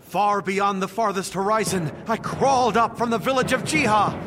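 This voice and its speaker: A man's voice: sits high, steady tone, moderate pace, noisy background, natural voice. Kamina, a man playing a swaggering anime hero. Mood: boastful. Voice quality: loud, swaggering. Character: brash boastful young male anime hero. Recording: anime clip over loud music. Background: loud music.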